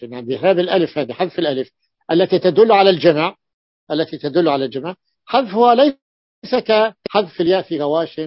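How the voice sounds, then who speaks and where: A man's voice: a little high, no echo. Man teaching grammar, dull dry recording. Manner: repeats words slowly to stress them. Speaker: sheikh teaching Arabic grammar. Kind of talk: classroom grammar lesson.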